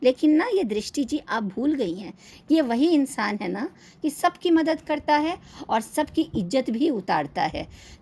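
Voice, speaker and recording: A young woman with a slightly high voice delivers critical commentary with steady indignation. She scolds and fires pointed questions as she goes. Her tone stays reproachful throughout. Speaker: reaction video host. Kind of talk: critical commentary on online creators.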